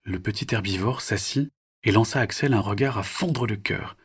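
A man narrating a children's story, expressive and dramatic, sometimes dropping to a whisper. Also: fairly low pitch, normal speed, slightly rough.

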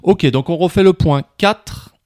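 A man's voice: a little high, measured pace, a little mellow, dry recording, clean studio sound. Joking man running a podcast quiz. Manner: loose, joking, filler-heavy. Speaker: podcast host and quiz master. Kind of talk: casual podcast chat.

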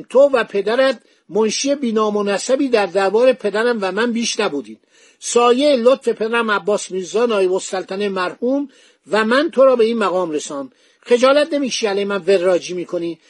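A man's voice: sits high, dry recording, clean studio sound. A man reading as a scornful young king. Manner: contemptuous, reproachful. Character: angry young male king scolding a minister.

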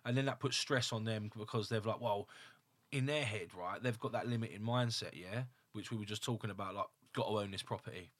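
Host, man, 30s, slightly low voice, blunt and sweary. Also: fairly quick. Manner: blunt, swears freely, many fillers. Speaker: podcast host. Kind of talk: casual interview chat.

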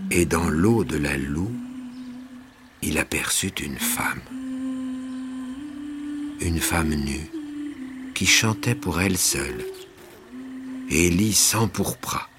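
A man giving theatrical scripted narration of a legend, swelling at tense moments and hushing at calm ones. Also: low-pitched, heavy background noise. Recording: music bed underneath.

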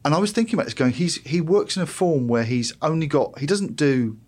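A man's voice: fairly high pitch, brisk, darkish tone. A man with a British accent, discussing culture discursively and slipping into imagined quotes as he explains. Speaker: panel commentator.

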